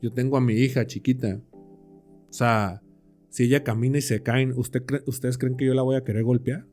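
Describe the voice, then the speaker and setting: Mellow-voiced man. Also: mid-range voice, fairly even intonation, normal speed, soft background music. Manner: explains with everyday examples and rhetorical questions; slangy, conversational. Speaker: podcast co-host. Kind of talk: casual Bible study chat.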